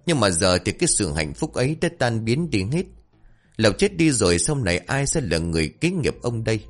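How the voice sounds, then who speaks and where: A man narrating a dramatic story with an expressive, rising and falling delivery. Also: on the low side, a little fast, faint music behind.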